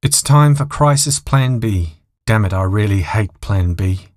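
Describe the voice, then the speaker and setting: A man voicing a hot-tempered, foul-mouthed, frantic male airline pilot in an audio thriller story, exasperated and shouting. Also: lowish voice, lively intonation, a little slow, dry recording, clean studio sound.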